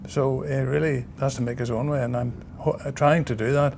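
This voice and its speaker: A man's voice: medium pitch, flat delivery, brisk, gravelly, darkish tone, a little hiss or hum. A man chatting casually in an interview, often repeating and rephrasing himself as he answers. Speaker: president of a national radio society. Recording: faint room ambience behind.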